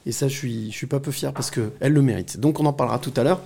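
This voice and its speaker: A man's voice: mid-range voice, fast, gravelly, dark tone. A man hosting a live radio show, introducing guests and segments in a jokey, casual way. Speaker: radio host.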